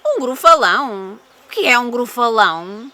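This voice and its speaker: A woman's voice: a little high, animated, measured pace, pushed and bright, a little hiss or hum. A woman with a European Portuguese accent voicing an old, foolish, slyly inviting female snake in a storybook, coaxing and exaggerated. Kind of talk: storybook character voice.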